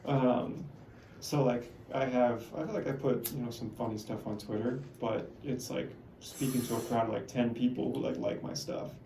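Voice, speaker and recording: A young man co-hosting a podcast, talking in a relaxed way and using "like" constantly. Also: mid-range voice, moderate pace. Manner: relaxed, filler-heavy with lots of "like". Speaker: podcast co-host. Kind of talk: casual chat. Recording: roomy, distant mic, steady hiss.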